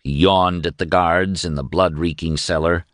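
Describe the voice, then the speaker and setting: Deep-voiced male audiobook narrator. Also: fairly even intonation, moderate pace, no echo, clean studio sound. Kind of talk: scripted narration.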